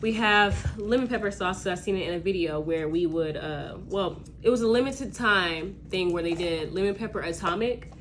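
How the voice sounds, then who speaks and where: A woman's voice: on the low side, moderate pace, hardly any pauses. A woman hosting a mukbang, chatting casually about the food in eating-video style. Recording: clearly noisy room recording.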